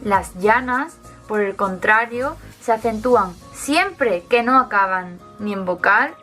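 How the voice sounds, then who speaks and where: A woman teaching a grammar lesson in a scripted narration, explaining clearly and step by step. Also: medium pitch, lively intonation, slow, a bit bright, soft background music.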